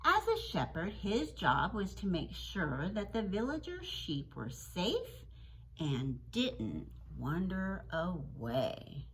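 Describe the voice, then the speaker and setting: A woman teacher reading a children's story aloud in an animated, sing-song storytelling manner. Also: lowish voice, slow, slight background noise, rough recording.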